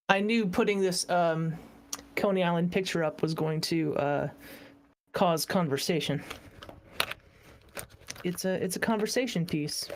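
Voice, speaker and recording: A woman co-hosting a podcast, chatting in a playful, self-mocking way. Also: fairly low pitch. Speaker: podcast co-host. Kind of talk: casual chat.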